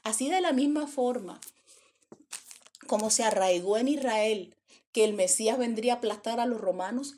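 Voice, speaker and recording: Delivering a sermon, a woman tells stories with theatrical flair and performs each character's voice, speaking in a mid-range voice with a dark tone.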